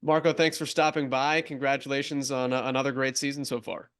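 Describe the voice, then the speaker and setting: Smooth-voiced male podcast host. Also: mid-range voice, flat delivery, brisk. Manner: conversational, with fillers. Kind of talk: interview questions.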